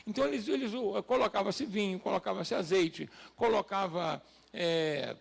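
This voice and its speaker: Male preacher, very high and raspy-edged, emphatic sermon delivery. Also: moderate pace. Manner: preaching with rhetorical questions to the congregation; rising to emphatic, raised delivery. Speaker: pastor.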